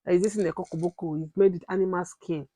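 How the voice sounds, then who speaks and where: A woman in her thirties with a Nigerian accent sits and chats casually to the camera as a vlogger and mother, often repeating herself and adding "right?" at the end. Her voice is lowish, steady and warm, and she speaks fast. There is no echo.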